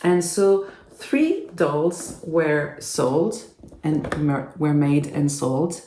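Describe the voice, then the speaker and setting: A host with a French accent doing a casual doll unboxing, talking in a halting way and often pausing to search for words. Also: mid-range voice, expressive, warm tone, roomy sound, a little hiss or hum. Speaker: doll collector and channel host.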